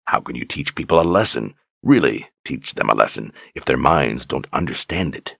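A man voicing a menacing, brutish male tyrant with a deep, grating voice, taunting his captives slowly and with mocking calm. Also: creaky, no room sound, heavily acted. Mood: mocking menace. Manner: mocking, taunting, slow and deliberate.

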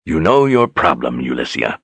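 A man voicing a menacing, brutish male tyrant with a deep, grating voice, taunting his captives slowly and with mocking calm. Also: gravelly, husky, dry recording, heavily acted. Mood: mocking menace. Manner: mocking, taunting, slow and deliberate.

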